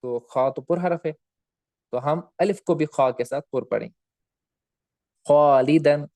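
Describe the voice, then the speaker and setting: A man teaching recitation rules in a recorded slide lecture. He asks questions and answers them himself, repeats key terms, and drags out example words slowly. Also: medium pitch, gravelly, a little mellow, no echo.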